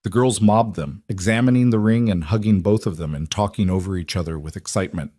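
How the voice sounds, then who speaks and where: A man narrating a romance story in a calm, measured scripted storytelling voice. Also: low-pitched, no echo, studio quality.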